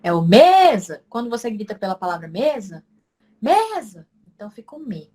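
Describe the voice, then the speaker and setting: A woman teaching a language lesson online, explaining step by step, asking questions and answering them herself, and loudly stressing syllables to demonstrate. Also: mid-range voice, lively intonation, quick pace.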